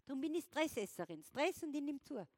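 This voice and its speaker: A high-voiced woman gives a motivational keynote from a stage. She talks with lively energy and keeps checking in with the crowd. The sound is dry and close, picked up by a clip-on wireless mic. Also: brisk, no echo. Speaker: motivational speaker. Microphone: wireless clip-on transmitter.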